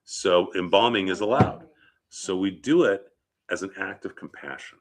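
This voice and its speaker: The recording is rough, capturing a low-pitched man speaking at normal speed. He's a rabbi with a head cold, sniffling a little, giving an informal, conversational lecture on funeral customs and often checking in with brief questions.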